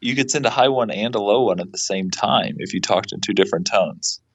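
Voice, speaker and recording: A man's voice: on the low side, a little fast, a bit bright. A man co-hosting a casual podcast chat, asking questions in a laid-back way.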